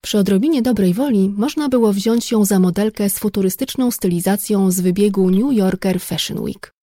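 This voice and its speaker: Woman audiobook narrator, steady storytelling, close mic, dry studio sound. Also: medium pitch, normal speed, no room sound. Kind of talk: scripted narration.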